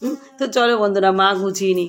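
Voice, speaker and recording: A woman chatting to her viewers as friends in a casual home cooking vlog, sometimes speaking softly so as not to disturb the house. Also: mid-range voice, fast. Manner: speaks softly at times to keep quiet at home. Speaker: vlogger. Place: home kitchen. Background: clattering dishes and cutlery.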